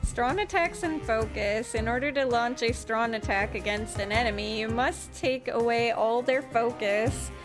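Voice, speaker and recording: A woman doing let's-play commentary on a video game, reading game text aloud and pausing as she goes. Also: a little high, over music.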